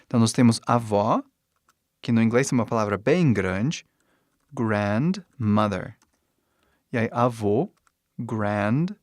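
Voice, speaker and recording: A man's voice: mid-range voice, lively intonation, darkish tone, dry recording. Patient male teacher, dry and close. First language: English. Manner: patient explaining, repeats words slowly, frequent tag questions. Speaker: English teacher. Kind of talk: online language lesson.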